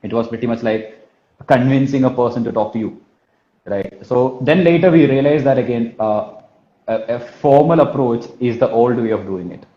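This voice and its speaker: A man's voice: medium pitch, normal speed. A man from Kerala with a Malayali Indian English accent, coaching informally like a telesales trainer, repeating himself for emphasis and often tagging sentences with checking questions. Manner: emphatic repetition, frequent 'right?' and 'you know what I mean?' tags. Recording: roomy echo, dull muffled sound.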